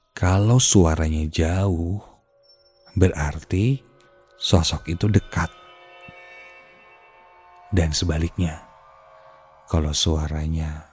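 Male podcast host, low mellow voice, hushed suspense storyteller. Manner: hushed, suspenseful, dropping to near-whispers. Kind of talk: storytelling a ghost encounter. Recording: faint music behind the voice.

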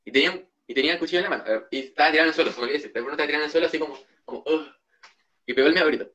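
A young man with a Chilean accent co-hosts a podcast, chatting casually and telling a long anecdote with restarts and asides. His voice is bright and sits a little high. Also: racing, dull audio. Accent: Chilean Spanish. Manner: rambling storyteller with restarts. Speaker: podcast co-host. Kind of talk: casual chat.

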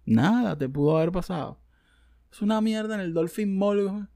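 A man with a Venezuelan accent doing a profane comedic rant. He sounds exasperated and crude, swinging from mutters to shouts. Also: sits high, normal speed, creaky, no echo, studio quality. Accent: Venezuelan Spanish.

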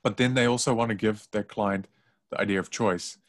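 A man with a fairly low voice chats casually on a video call. He works through his ideas out loud, hedging often with fillers. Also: steady tone, fairly quick. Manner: thinks aloud, hedging with "like" and "I don't know".

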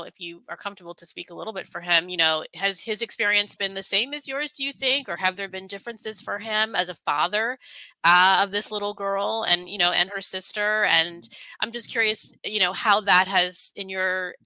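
A woman's voice: medium pitch, bright, forceful tone, dry recording, rough recording. A woman hosting a conversational interview, thoughtful and hedging with frequent fillers. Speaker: podcast host.

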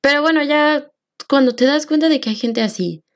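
A woman's voice: high voice, normal speed. A young woman with a Mexican accent, hosting a personal podcast and speaking reflectively, with fillers and restarts. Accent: Mexican Spanish. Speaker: podcast host.

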